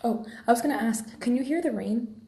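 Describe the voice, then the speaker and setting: Her voice is a little high and warm, and she talks a little fast. As a livestream host and podfic reader, she rambles amiably to listeners and half to herself, indoors at home while it rains outside, with a roomy echo and faint noise in the recording.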